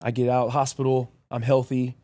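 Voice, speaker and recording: Here the podcast host's medium-pitched, dark voice comes out completely flat. The young man still tells his story casually, in blunt, profane bursts of rapid anecdote built from short clauses.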